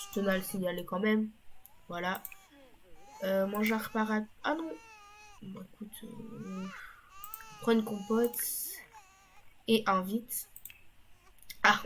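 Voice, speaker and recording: A woman's voice: mid-range voice, a little hiss or hum. Chatty woman narrating her gameplay. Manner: chatty, rambling, wry asides. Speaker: gaming YouTuber. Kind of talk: casual let's-play commentary.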